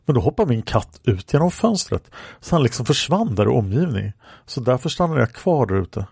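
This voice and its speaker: A man's voice: medium pitch, sing-song, creaky, a little mellow, slightly rough, dry recording, clean studio sound, exaggerated voice. A man reading aloud a woman's answers in a police interrogation record, rambling with many fillers. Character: woman questioned by police, plain-spoken.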